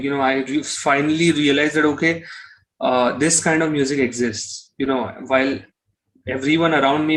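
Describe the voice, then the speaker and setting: The audio is poor, but you can hear a young man with an Indian accent and a mid-range voice. He's an interview guest and singer-songwriter, answering casually and explaining things reflectively.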